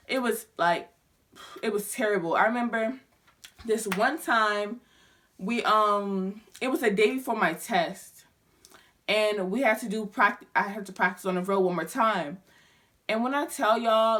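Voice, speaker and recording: Chatty young woman telling a story. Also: fairly high pitch. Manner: animated, slangy, addresses viewers as y'all. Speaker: vlogger. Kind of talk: casual storytelling chat.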